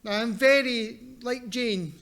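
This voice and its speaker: A man with a broad Scottish accent giving a conference presentation in a deliberate, direct, emphatic manner, repeating points for weight. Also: very high voice, a bit bright. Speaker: seminar presenter, academic.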